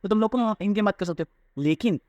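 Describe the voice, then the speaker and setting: Fast-explaining young male teacher. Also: high-pitched, a little mellow, no room sound. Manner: reads English passages slowly, then explains quickly in Hindi; mixes Hindi and English, addresses students directly. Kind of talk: explaining a textbook chapter to students.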